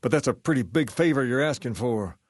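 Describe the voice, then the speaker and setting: Man acting as folksy male gang boss, rock-and-roll idol type, Southern US accent, mid-pitched, self-assured, measured, video game character, dry sound. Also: lively intonation, no echo, lightly acted. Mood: relaxed, folksy.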